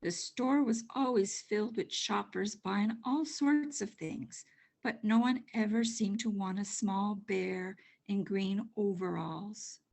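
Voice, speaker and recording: An older woman narrating a children's storybook aloud in an expressive, measured way. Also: medium pitch, gravelly. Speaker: storybook reader.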